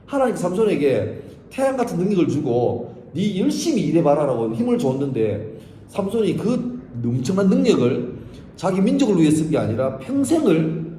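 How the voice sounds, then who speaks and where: A male pastor preaches with a lively, sweeping delivery and often slips into voices to act out the story. His tone is mellow and fairly high. He sounds like he is in a big echoing hall with faint ambience behind him. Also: moderate pace, slight background noise. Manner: lively storytelling, acting out scenes. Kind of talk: Bible study sermon.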